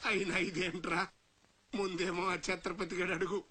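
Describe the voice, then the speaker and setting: Comic film minister: cowardly schemer, exclamatory and whiny, piercingly bright high voice. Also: male voice, flat delivery, moderate pace, husky, exaggerated voice. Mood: fearful grumbling. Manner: exclamatory, whining, blustering. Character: cowardly scheming government minister, blustering and easily panicked. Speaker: film actor.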